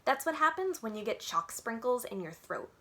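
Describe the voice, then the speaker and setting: Her voice a little high and her speed normal, a woman tells a children's book story aloud. She narrates in the first person and gives the words expressive, childlike emphasis.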